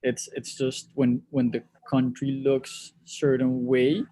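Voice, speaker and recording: A man's voice: mid-range voice, flat delivery, slow pace, mellow. A man, a guest answering interview questions over a video call in a thoughtful way, often restarting his sentences. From Colombia. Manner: thoughtful, with frequent restarts and repeated words. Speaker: sports league executive guest.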